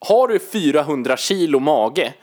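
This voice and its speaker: A man in relaxed conversation who tells stories with gusto. His voice sits a little high and swoops around a lot as he acts out scenes with sound effects. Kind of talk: casual chat.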